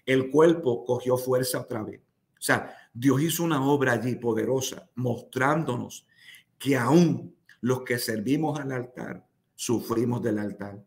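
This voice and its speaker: A man's voice: mid-range voice, measured pace. A man, a pastor, telling a personal testimony with emotional, dramatic retelling and quoted voices. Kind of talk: testimony storytelling.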